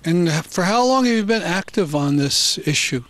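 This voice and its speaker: Higher-voiced male news interviewer. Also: animated, normal speed. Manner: plain, probing questions with some hesitation. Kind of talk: interview questions.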